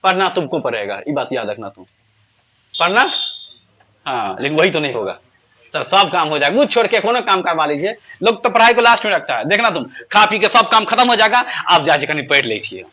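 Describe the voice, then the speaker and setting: A man teaches grammar to a class. His voice sits high and sounds sharp and forceful. He peppers his pupils with questions and slows right down to stress each English example sentence. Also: sing-song. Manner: asks pupils constant rhetorical questions; says English example sentences slowly and emphatically.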